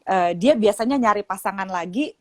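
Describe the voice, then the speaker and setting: A woman's voice: medium pitch, expressive, normal speed, no room sound. Middle-aged woman host, frank and chatty, very dry sound. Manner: frank and chatty, laughs often. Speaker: sexologist host. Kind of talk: casual chat on a livestream.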